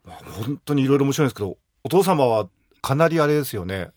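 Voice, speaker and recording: A man's voice: mid-range voice, expressive, quick pace, darkish tone, no room sound. A man hosting a studio interview, courteous and attentive, reading out the guest's profile. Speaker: interview host.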